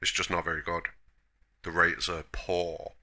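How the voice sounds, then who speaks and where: A man's voice: low voice, level tone, measured pace, sharp tone. A man giving a casual, rambling gameplay tour as host, self-deprecating and a little grumbly, sounding chesty from a cough. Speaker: host of a gaming video.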